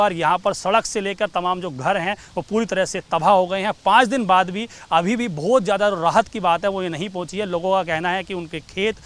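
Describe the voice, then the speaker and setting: A man reporting from an outdoor disaster site for the news, walking viewers through the damage and pointing things out. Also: sits high.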